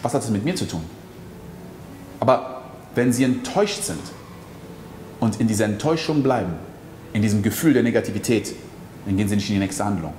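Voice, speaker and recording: A man's voice: on the low side, brisk, pauses often, darkish tone, a little hiss or hum. A man giving a motivational coaching monologue, talking straight to the listener with emphatic rhetorical questions. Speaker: mindset coach. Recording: echoey hall with faint ambience.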